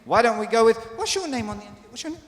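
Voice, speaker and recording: Man, teacher, slow drilled pronunciation, bilingual, roomy hall echo. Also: very high-pitched, a little hiss or hum. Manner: lively, drills words slowly, switches between English and Spanish. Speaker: English teacher. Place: hospital lecture hall. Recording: echoey hall with long reverb.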